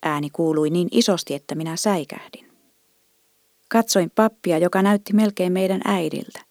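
A woman reading a children's story aloud in a gentle, even storytelling manner. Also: on the low side, dry recording, clean studio sound. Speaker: narrator.

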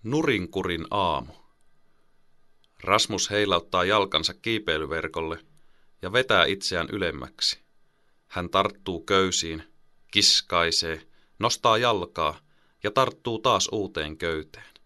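A man narrates a children's audiobook with calm, even pacing. His voice sits low yet sounds bright and forward. The delivery is steady and unhurried.

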